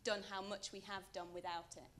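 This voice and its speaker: A woman's voice: mid-range voice, level tone, fairly quick, fairly bright tone, a little hiss or hum. Chatty woman dancer, slightly hesitant. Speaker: ballet dancer. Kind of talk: conversational Q&A answer. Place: rehearsal studio.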